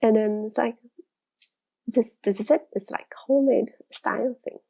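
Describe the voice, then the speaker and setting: A Brazilian illustrator vlogger in her thirties, a native Portuguese speaker using English as a second language, chats casually to camera from her studio, rambling and restarting often. Her voice is on the high side, steady and moderately paced, creaky, dark and husky, captured in a rough recording.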